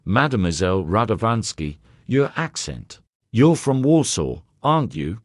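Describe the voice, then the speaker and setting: A man reading as a soft-spoken old detective. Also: lowish voice, very animated, measured pace, dry recording, clean studio sound. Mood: calm probing. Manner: soft, courteous questioning with French words. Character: elderly male Belgian detective, calm and probing.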